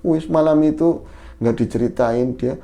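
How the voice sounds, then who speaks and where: A man's voice: medium pitch, moderate pace, vocal fry, dark tone. A man hosting a horror podcast, telling a story and acting out the characters' lines in raised voices. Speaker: podcast host.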